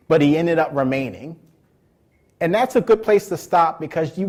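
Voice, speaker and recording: A man preaching a Bible lesson. His voice sits a little high, and he draws key words out slowly for emphasis. He often repeats and restarts his phrases as he teaches. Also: darkish tone. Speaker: pastor. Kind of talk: sermon teaching.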